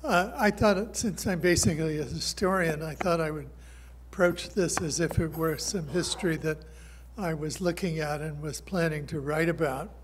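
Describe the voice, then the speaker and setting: An older man, a historian on a panel, speaking in a measured, thinking-aloud way at a table mic. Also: a little high, slight background noise. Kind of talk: panel talk. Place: conference hall stage.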